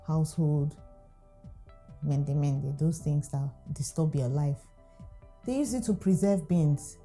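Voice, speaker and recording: Warm and low, her voice carries a casual, animated talk to camera on food safety, punctuated by frequent laughter. The speaker is a food vlogger from Nigeria whose first language is Igbo.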